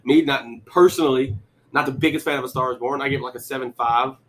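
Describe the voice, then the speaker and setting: A man's voice: mid-range voice, fairly even intonation, fast talker, a bit bright. Young man, podcast co-host, casual banter, rambling, teasing. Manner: joking, rambling with restarts and laughs.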